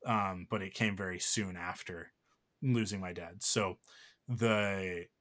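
Male podcast host, low-ish voice, rambling and heartfelt. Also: steady tone, takes it slowly, fairly bright tone. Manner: rambling, emotional, many fillers and restarts. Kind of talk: casual podcast chat.

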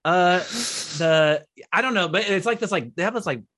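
A man's voice: sits high, moderate pace, a bit bright. A man co-hosting a casual podcast chat, enthusiastic and swearing casually.

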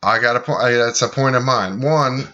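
A man's voice: medium pitch, moderate pace, pushed and bright, lo-fi sound. A man hosting a casual podcast chat, rambling and joking. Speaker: podcast host.

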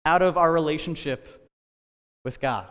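A man's voice: a little high, a little slow, a bit bright, clear, resonant tone, in a large hall. A man giving an earnest, conversational sermon-style talk on a podcast, with casual asides and fillers. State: out of breath. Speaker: podcast host preaching.

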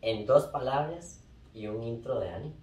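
A man's voice: medium pitch, normal speed, a little mellow, reverberant, far from the mic, slight background noise, rough recording. A man reading out interview questions, sarcastic and complaining about them. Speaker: question reader.

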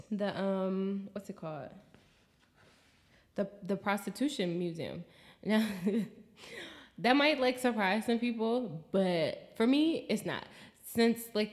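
An American woman chatting casually in a travel vlog, expressive and swearing freely, acting out her own quotes. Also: lowish voice. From United States. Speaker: vlogger.

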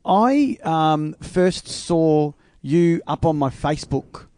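An Australian man hosting a casual interview, telling stories in blokey, animated slang. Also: fairly high pitch, slow, no echo. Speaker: podcast host and music teacher.

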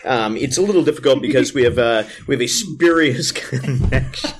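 A man hosting a talk radio show, chatting casually with fillers and slipping into a smooth announcer tone. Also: mid-range voice, normal speed, slight background noise. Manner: relaxed, chatty, with frequent fillers; smooth announcer tone when presenting. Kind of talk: casual podcast introduction and live chat. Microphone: informal live-stream setup.

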